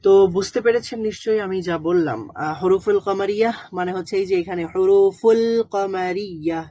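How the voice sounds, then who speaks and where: A husky, slightly breathy teacher gives an online lesson in a dry, close recording. The teacher talks patiently and stops often to sound out letters and syllables slowly. Frequent drawn-out hesitations run through the explanation. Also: mid-range voice, dark tone, dry recording. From Bangladesh. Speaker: Quran recitation teacher.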